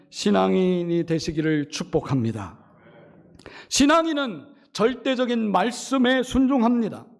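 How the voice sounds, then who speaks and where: Middle-aged man, pastor delivering a sermon, high voice, rhetorical questions to the pews. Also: creaky. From Chungcheong, South Korea. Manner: preaching with rhetorical questions to the congregation; acts out quoted lines.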